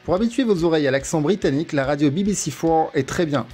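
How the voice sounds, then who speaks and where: A man teaching English test prep from France, reading a clear, methodical scripted explanation. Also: fairly high pitch, fast, a little mellow, soft background music.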